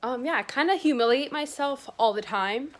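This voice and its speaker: A woman's voice: high voice, moderate pace. A young woman chatting casually to camera in a fitness vlog, rambling and filling gaps with "like" and "um". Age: young adult. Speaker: fitness vlogger. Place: home kitchen.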